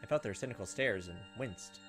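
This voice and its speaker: With music playing in the background, a man with a lowish voice talks a little fast. He's a gaming video host running a playthrough, trading casual commentary for read-aloud story text and back.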